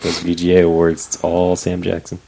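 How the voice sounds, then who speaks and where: A man's voice: deep voice, completely flat delivery, fairly quick, gravelly, mellow. A man talking casually as a podcast host and quizmaster, bantering loosely with friends.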